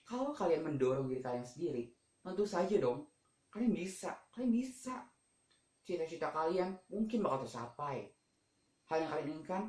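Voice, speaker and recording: Heard in an echoey room, a teenage student vlogger delivers a school vlog with informal emphasis, putting frequent questions to viewers. The voice is mid-range with a darkish tone.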